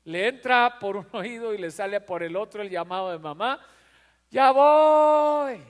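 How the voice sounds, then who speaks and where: Speaking a little fast in a high, somewhat bright voice, a man delivers a sermon as pastor, fervently repeating phrases for emphasis and voicing characters in his stories, all under a long hall reverb.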